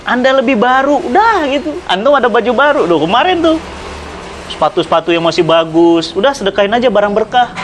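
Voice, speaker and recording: Animated storytelling preacher man. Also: fairly quick, slight background noise. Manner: dramatic, swings pitch and loudness while acting out anecdotes; addresses listener directly, persuasive. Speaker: Islamic preacher. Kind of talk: animated religious storytelling in conversation.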